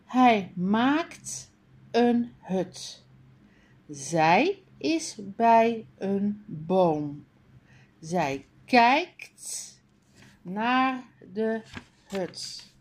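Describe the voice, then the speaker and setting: Female reading teacher; unhurried, deliberate delivery, clearly sounded-out words, animated pitch. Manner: clearly sounded-out words with pauses between them. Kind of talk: slow read-aloud of a beginner reading lesson.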